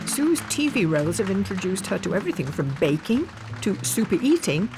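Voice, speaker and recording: Female voice-over narrator, animated scripted read, music under it. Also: mid-range voice, a little fast.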